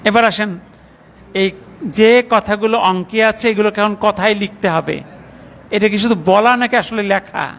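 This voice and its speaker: A middle-aged man teaching a grammar class in a mosque, patiently reciting word forms slowly one by one. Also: high voice, gravelly, fairly bright tone. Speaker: Arabic teacher.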